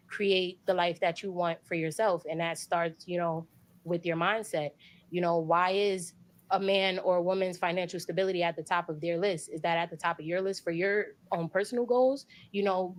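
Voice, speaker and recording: A woman in a casual discussion, giving earnest opinions with many fillers. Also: fairly low pitch. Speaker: podcast guest.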